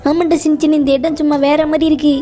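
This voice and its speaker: A woman's voice: high-pitched, little pitch movement, quick pace, warm tone, pitched above the performer's own voice, lightly acted. A woman voicing a friendly male robot cat companion in a game video, with a sing-song manner. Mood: agreeing.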